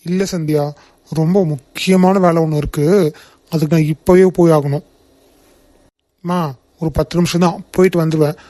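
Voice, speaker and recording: A man voicing a calm young cartoon man who reasons patiently with his mother. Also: on the high side, normal speed, pauses often, dry recording, close to an everyday voice. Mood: firm. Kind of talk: cartoon voice acting.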